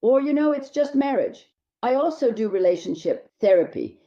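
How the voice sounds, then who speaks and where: A woman's voice: high-pitched, animated, moderate pace, warm tone, muffled recording. A woman marriage therapist answering viewer questions, giving blunt, emphatic advice and speaking straight to the listener.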